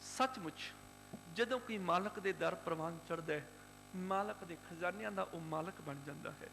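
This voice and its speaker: Punjabi preacher guy telling a story, fervent n rhythmic, bright ringing voice, echoey hall w faint hum. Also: sits high, normal speed, gravelly. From Punjab, India. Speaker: Sikh preacher. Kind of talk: religious storytelling sermon.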